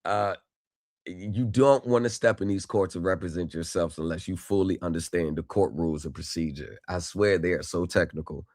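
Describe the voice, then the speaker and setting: A man's voice: low-pitched, normal speed, darkish tone, dry recording, clean studio sound. A man hosting a livestream, chatting casually and speaking straight to his viewers over headset audio. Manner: chatty, addresses viewers directly. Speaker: livestream host reviewing court videos. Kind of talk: casual live commentary to chat.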